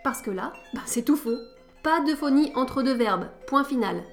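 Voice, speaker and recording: A woman's voice: high-pitched, animated, moderate pace, soft background music. A woman hosting a scripted podcast lesson, with a wry, playful teacher's tone. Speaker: podcast host.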